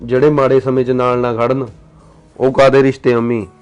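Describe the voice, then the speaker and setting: A man's voice: medium pitch, little pitch movement, a little mellow, clean tone, highs cut off, faint music behind, natural voice. A young man playing a student who complains resentfully about his aunt. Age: young adult. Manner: resentful, quick-talking. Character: angry young male student.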